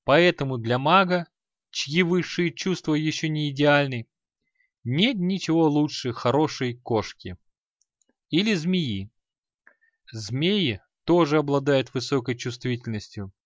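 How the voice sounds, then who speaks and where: A man reading a fantasy story aloud in a measured, expressive storytelling manner. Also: fairly high pitch, dry recording, highs cut off. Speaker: audiobook narrator. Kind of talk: scripted fantasy narration.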